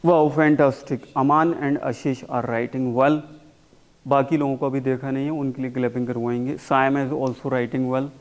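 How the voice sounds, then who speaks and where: Slow, deliberate male teacher. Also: medium pitch, steady tone. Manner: slow and deliberate, repeating words for the class to copy. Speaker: English communication coach. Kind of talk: classroom teaching, mixing Hindi and English. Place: classroom.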